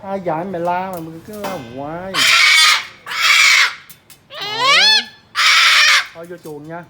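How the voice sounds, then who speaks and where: A woman's voice: on the low side, fairly even intonation, fast. An older woman with a Southern Vietnamese accent, coaxing and scolding her pet bird at home in a casual home video. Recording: loud background noise, bird calls.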